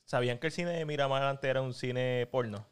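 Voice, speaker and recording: A speaker, chatting in a lively way on a podcast and often jumping in. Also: medium pitch, a little fast. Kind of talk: casual podcast chat.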